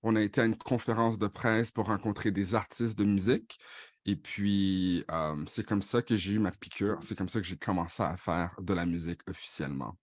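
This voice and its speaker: A man in his thirties, born in Paris and raised in Ottawa, speaks with a Franco-Ontarian French accent as he introduces himself and his music in a casual bilingual vlog. His voice is on the low side with fairly even intonation and normal speed, and there's no room sound. He switches between French and English with easy fillers.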